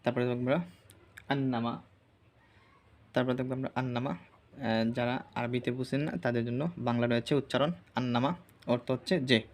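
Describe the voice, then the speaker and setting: A man's voice: medium pitch, fairly even intonation, moderate pace, pauses often. A man teaching an Arabic vocabulary lesson over a screen share, repeating each word several times as a drill.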